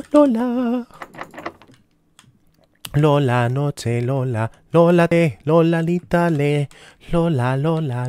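A streamer giving live horror gameplay commentary, jumpy and cursing, breaking into high panicked yelps. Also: a little mellow, clean tone, no echo.

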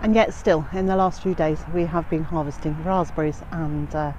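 Her voice deep, fairly even and a touch mellow, a woman in her fifties keeps a moderate pace as she vlogs about homesteading from a frosty garden. She has a slight cold and uses many "uh" fillers; the arm's-length phone gives low-quality sound with some background noise.

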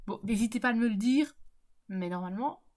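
A woman's voice: a little high, brisk. A woman streamer chatting casually with her viewers while setting up and playing a game, laughing often. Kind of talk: casual live-stream chat while gaming.

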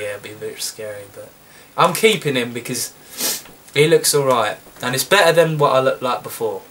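A man's voice: medium pitch, recorded from a distance. A sniffly British man casually commenting on a game he is playing, chatty and joking, talking back at the screen. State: a bit sniffly. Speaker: gameplay commentator. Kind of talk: casual let's-play commentary. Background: loud game music.

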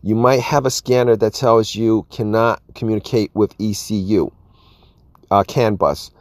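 Man, low voice, dry close sound, casual car repair how-to, rambling. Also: steady tone, a little slow, dry recording. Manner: rambling, repeats words, says "all right" and "you guys" often. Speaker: car repair video host. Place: outdoors at an open car engine bay.

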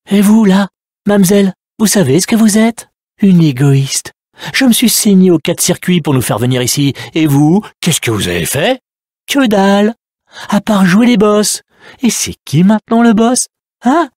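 A man's voice: high-pitched, animated, unhurried, a little mellow, no room sound, clean studio sound. A man voicing a chatty, nervous male robot sidekick in a dubbed video game, rambling with hesitations. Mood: resentful.

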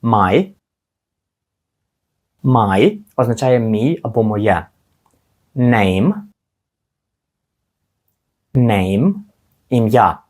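Low-voiced man teaching kids English. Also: animated, a little mellow. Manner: encouraging, repeats words slowly with pauses. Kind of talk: slow, clear language lesson for kids.

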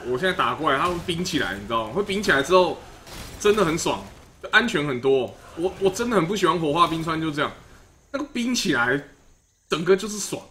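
A man's voice: on the high side, bright, forceful tone, slight background noise. A young man, casually commenting on a game he plays on stream, joking and swearing often.

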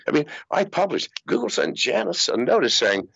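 Here the same sort of guest, an older man on a video call, curses freely and laughs through lively casual stories. His pitch runs on the high side, his voice gravelly and slightly rough, at a moderate pace. Wearing over-ear headphones in a small foam-walled room, he comes through dry and dull.

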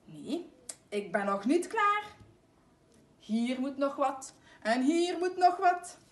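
A woman's voice: high-pitched, sing-song, slow pace, heavily acted. A woman voicing a little girl bear cub who is eager and earnest, with a childlike, insistent manner, read aloud from a storybook. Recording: echoey room, mic at a distance.

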